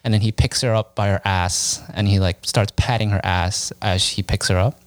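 A man's voice: on the low side, fairly even intonation, normal speed, dry recording, clean studio sound. A man chatting casually on a podcast, telling rambling stories and laughing often. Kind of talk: casual chat, storytelling.

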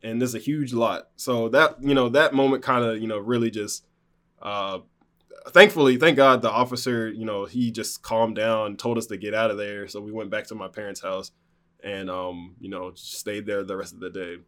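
A man's voice: lowish voice, fairly even intonation, normal speed, fairly bright tone. A man recounting a personal story in casual conversation, rambling with many fillers and restarts. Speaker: guest telling a personal story.

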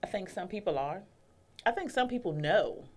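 A woman co-hosting a casual chat, reflective and earnest with quick comebacks. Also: mid-range voice, animated. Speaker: podcast co-host.

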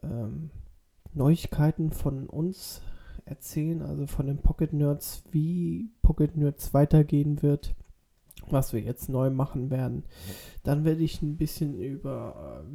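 A man's voice: fairly high pitch, gravelly, warm tone. A man with a stuffy nose from a cold, talking casually and hesitantly as a solo podcast host.

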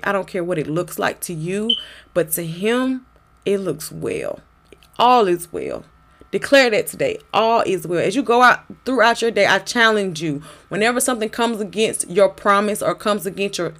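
A woman's voice: medium pitch, fairly bright tone. A woman hosting a casual devotional podcast, speaking in an encouraging, exhorting way to her listeners. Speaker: podcast host.

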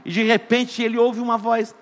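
A man with a Brazilian Portuguese accent preaching a sermon, telling jokes and stories, dropping to a hush and then rising to loud emphasis. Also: very high voice, level tone, moderate pace. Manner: joking storyteller, shifts between hushed and loud emphatic. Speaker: pastor.

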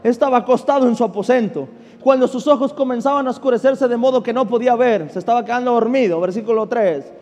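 High-voiced preacher in a reverberant hall. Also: male voice, fast talker, a little mellow. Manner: asks the congregation questions and answers them; calls for congregational response. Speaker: pastor. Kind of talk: sermon reading and explaining scripture. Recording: long reverb with faint music behind.

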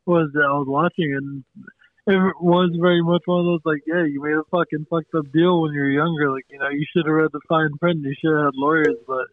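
A man's voice: fairly high pitch, fairly even intonation, fairly quick, no echo. Man on a call, voice muffled like a fishbowl. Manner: laid-back, swears freely. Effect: muffled call audio, like a voice inside a fishbowl. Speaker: podcast co-host calling in. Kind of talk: casual chat. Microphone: remote call. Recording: tinny phone-like call line.

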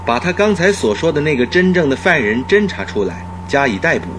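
An actor playing a loyal, thoughtful doctor and detective's companion in a Chinese radio drama. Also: male voice, on the high side, sing-song, fairly quick, fairly bright tone, slight background noise. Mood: trusting. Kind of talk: old-time Chinese radio drama acting. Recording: radio drama with music underneath.

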